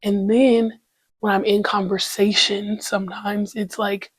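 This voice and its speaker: This podcast host has a mid-range, slightly rough voice with little change in pitch, and she speaks unhurriedly with no room sound around her. Her casual monologue mixes faith with slang, free cursing, and sudden praise. Congestion is audible, as her voice hasn't fully returned.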